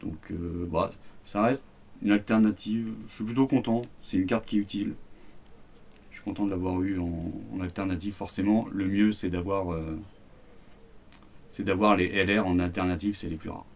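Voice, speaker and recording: In casual deck unboxing commentary, a French-accented man who makes card game videos presents a starter deck's cards, rambling and full of fillers and slang. He speaks low-pitched at a moderate pace with fairly even intonation.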